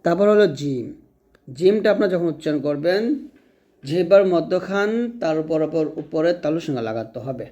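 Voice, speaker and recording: A patient male teacher with a slightly high voice. He talks through how each sound is made, step by step. He says every sound again, slowly and clearly. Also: expressive, dark tone, lo-fi sound. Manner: patient, repeats each letter slowly for learners to follow. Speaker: Quran recitation teacher. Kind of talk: step-by-step pronunciation lesson.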